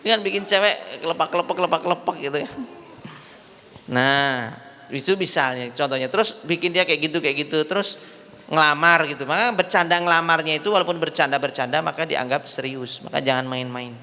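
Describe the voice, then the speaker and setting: Bright-voiced preacher man. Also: on the high side, a little fast. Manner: patient, repeats points, asks audience if they understand. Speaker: Islamic preacher. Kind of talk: religious study lecture. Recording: hall reverb.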